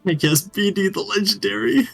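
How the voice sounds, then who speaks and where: A man's voice: high-pitched, normal speed, gravelly, faint music behind. Joking, cursing man running the game. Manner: profane, joking banter. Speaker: dungeon master. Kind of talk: running a tabletop game online, casual.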